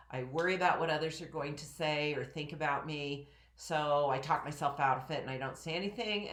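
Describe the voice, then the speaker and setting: Low-voiced woman teaching with a head cold. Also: reverberant. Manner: calm, coaching, talks the listener through breathing exercises. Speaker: personal development teacher. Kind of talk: instructional talk to camera.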